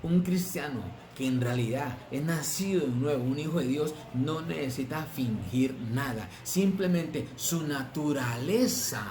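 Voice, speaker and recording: A man's voice: fairly high pitch, crowd noise. Preaching man in an echoey room. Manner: preaching with drawn-out stresses and rhetorical questions. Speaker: pastor. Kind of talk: sermon.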